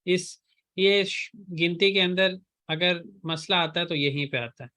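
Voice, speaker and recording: A male language teacher, speaking at a deliberately slow pace in a slightly higher voice. He drills each word patiently, saying it again and again while correcting pronunciation. The delivery is calm and methodical. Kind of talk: online class lesson.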